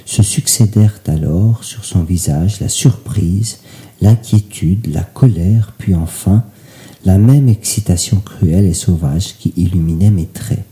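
A man's voice: sits low, a little slow, warm tone. A man narrating a story in a theatrical, ornate manner, sometimes dropping to a whisper.

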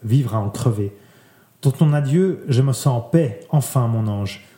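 A man reading a literary text aloud in a soft, measured way, letting his voice drop quieter at the ends of phrases. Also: mid-range voice, animated. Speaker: reader. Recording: roomy echo.

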